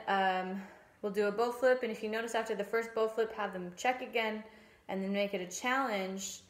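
A woman in her 30s, a strings teacher, gives a demonstration lesson from a small room at home, speaking at a medium pitch. She explains in a relaxed way with lots of ums and sings verses of nursery rhymes. A camera mic, as on a phone or webcam, picks up the echo of the room.

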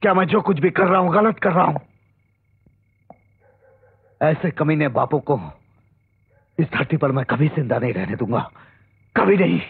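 A brooding young man out for revenge speaks in a very husky voice that swings widely in pitch. The sound is thin, as on a tinny old film track. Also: lively intonation, moderate pace, pauses often, full character voice. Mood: furious. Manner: bitter, brooding. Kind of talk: Hindi film melodrama.

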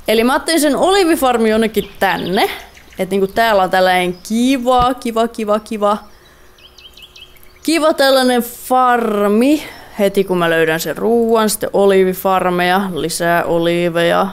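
A young woman giving playful, chatty let's-play commentary, repeating words and mixing in English phrases. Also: medium pitch. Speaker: gaming YouTuber.

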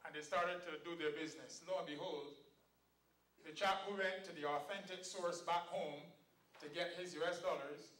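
Caribbean preacher, high and bright, quizzes his flock; recorded far off in a roomy hall. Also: fairly even intonation, moderate pace. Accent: Caribbean English. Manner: quizzes the audience with rhetorical questions, quotes scripture. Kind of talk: camp meeting sermon. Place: hall at a church camp. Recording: echoey room, voice far from the mic.

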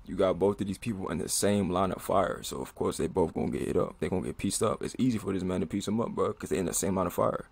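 A man with a low, gravelly voice talks through a fight clip in a relaxed, slangy way. He keeps up a running commentary for his own reaction video, exclaiming and chuckling as it plays. The tone is casual and conversational throughout. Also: fast talker, few pauses.

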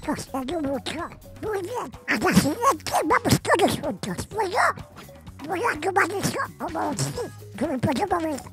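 A man putting on the voice of a sweet, bubbly young girl while streaming a shooter game, shrieking when excited. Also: extremely high pitch, a little slow, soft background music, exaggerated voice. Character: sweet, chirpy young girl gamer, cheerful and eager.

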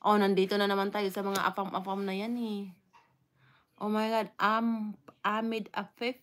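A woman's voice: medium pitch, flat delivery, normal speed, fairly bright tone. A Filipino woman from the Philippines chatting casually on a live stream, greeting viewers one by one with frequent fillers and laughs.

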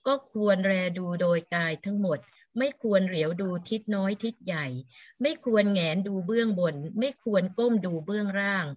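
A woman reading a scripture translation aloud for a monk's class, in a steady, measured way. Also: medium pitch, no room sound, lo-fi sound. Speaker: student reader.

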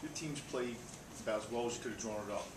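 A man's voice: mid-range voice, quick pace, distant mic. A man, a reporter asking a coach loosely worded questions at a press conference. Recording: off-mic in an echoey room with noise.

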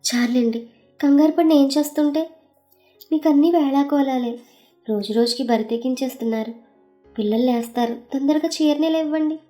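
A woman voicing an embarrassed young wife who scolds in an urgent, hushed way. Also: high voice, a little fast, soft background music, lightly acted. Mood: flustered.

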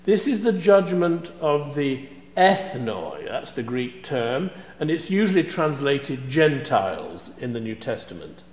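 An older man, a priest, preaching a measured, scholarly sermon in a large church sanctuary, filmed by a fixed camera at a distance. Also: mid-range voice, very animated, a little mellow. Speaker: supply priest. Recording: echoey church with long reverb.

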